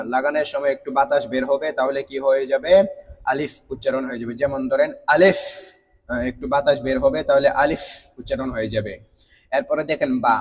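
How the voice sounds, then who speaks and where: A man's voice: medium pitch, long reverb tail, a little hiss or hum. A man teaching how to pronounce letters in a patient spoken lesson, repeating each step, asking rhetorical questions and drawing out example sounds. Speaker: Quran reading teacher.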